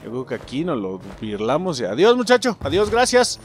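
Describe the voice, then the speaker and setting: Every scare draws a yelp and a curse from this young gameplay streamer, who has a Mexican accent and an excitable let's play style. He talks briskly in a fairly high voice. Faint music plays behind him.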